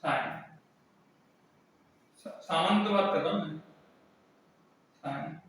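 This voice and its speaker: A man's voice: fairly high pitch, slow, a bit bright. A male teacher giving a classroom lesson who keeps asking and answering his own questions. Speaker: English teacher. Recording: echoey room, mic far off.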